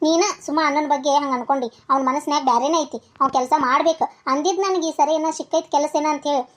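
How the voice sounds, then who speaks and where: A woman voicing a gentle young schoolgirl daughter in a cartoon, with a North Karnataka Kannada accent. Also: high voice, quick pace. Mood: reassuring.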